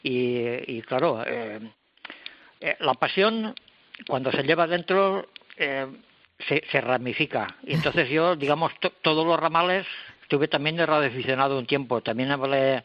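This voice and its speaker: A man's voice: mid-range voice, a little slow, muffled recording. An older man, answering interview questions in a hesitant way, often repeating words and restarting. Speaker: radio collector guest.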